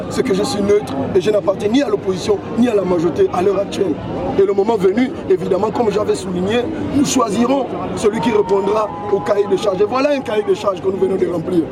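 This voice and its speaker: Man, thirties, from Gabon, measured interview answers, fairly high voice, noisy crowd around. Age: 30s. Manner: measured, repeats stock phrases. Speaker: association president. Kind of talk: outdoor event interview. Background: loud crowd.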